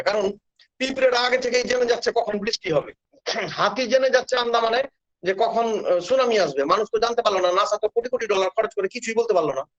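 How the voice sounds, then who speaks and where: A middle-aged man, a professor, giving an earnest, emphatic public lecture and repeating his key points. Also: high-pitched. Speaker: professor of Bengali.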